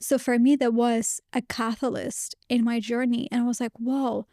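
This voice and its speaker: A woman's voice: fairly high pitch, flat delivery, moderate pace, dark tone, dry recording, studio quality. A woman hosting a podcast, talking candidly and reflectively about her own experience, with frequent restarts. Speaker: podcast host. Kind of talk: casual conversation.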